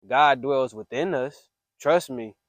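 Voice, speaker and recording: A man's voice: medium pitch, slow pace, no room sound, studio quality. A man talking casually and emphatically about his own reflections in a voice memo, with slangy phrasing and an earnest, preachy manner. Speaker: speaker sharing personal faith reflections. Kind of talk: casual spoken voice memo, venting and testimony. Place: close, dry voice memo recording.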